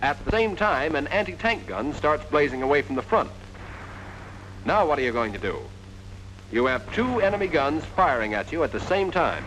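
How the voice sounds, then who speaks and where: Somewhat high and a bit bright, this man's voice swings widely in pitch at a moderate pace over a rough recording with slight background noise. He is an American narrating a vintage 1940s army training film, addressing the listener directly as "you" in a scripted, instructive manner.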